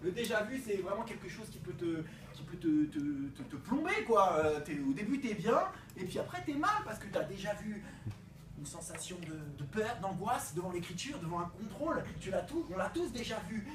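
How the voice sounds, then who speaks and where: A man performing improvised comic slam poetry for a class, playful and energetic, swinging between loud outbursts and hushed dreamy passages, stammering as he makes it up. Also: sits high, a little fast. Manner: stammering repeats while improvising. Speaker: slam poet leading a school workshop. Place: school classroom. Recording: echoey classroom, voice from a distance.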